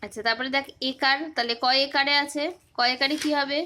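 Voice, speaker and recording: A woman with a high, bright voice leads a relaxed phonics lesson. She keeps asking short quiz questions and repeats the answers patiently. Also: brisk, slight background noise. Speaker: teacher.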